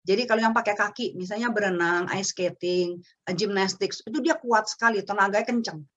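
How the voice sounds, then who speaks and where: A woman's voice: mid-range voice, brisk, highs cut off. Chatty Indonesian woman on a webinar. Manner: chatty, animated storytelling with acted quotes. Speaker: webinar speaker on parenting. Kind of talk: casual talk. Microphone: webinar microphone.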